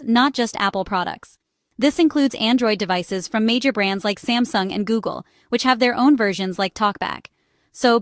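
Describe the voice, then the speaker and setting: Clean studio audio without room sound carries a fairly high-pitched female voice. She is a narrator and small business owner, reading a scripted explanation of accessibility in short, instructional lines.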